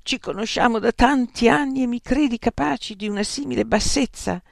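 A narrator voicing Arrow, an indignant, sharp-tongued heavy woman who asks cold, cutting questions in a storybook reading. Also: medium pitch, brisk, vocal fry, no echo, studio quality, pitched above the performer's own voice, natural voice. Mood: accusing.

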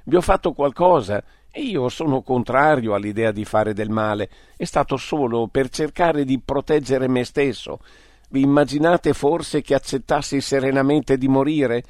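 A man voicing a large, calm, philosophical alien creature that speaks in a measured, courteous way. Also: mid-range voice, no echo, clean studio sound, voice pushed up, lightly acted. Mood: reflective.

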